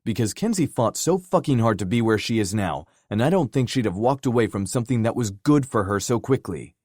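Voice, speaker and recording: A man doing a loud, brash brother. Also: on the low side, very animated, moderate pace, no echo, clean studio sound. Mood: loud, blunt. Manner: loud, demanding, swearing.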